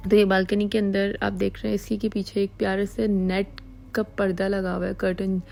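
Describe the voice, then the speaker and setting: A woman's voice: medium pitch, flat delivery, normal speed, gravelly, a little mellow, low-quality recording. A woman from Pakistan giving a chatty, affectionate vlog tour of her small apartment, repeating words like "pyari si". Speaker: vlogger.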